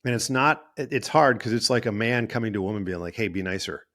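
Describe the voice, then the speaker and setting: A man's voice: mid-range voice, fast talker, fairly bright tone. A male therapist and podcast host talking in a casual, rambling monologue, often correcting himself mid-sentence. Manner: rambling, self-correcting, acts out quoted voices.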